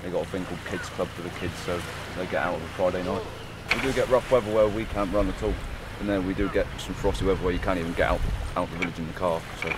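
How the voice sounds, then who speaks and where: A man's voice: sits low, fairly even intonation, fast, hardly any pauses, heavy background noise. A man, a village resident speaking plainly and matter-of-factly in a documentary interview. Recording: music playing underneath.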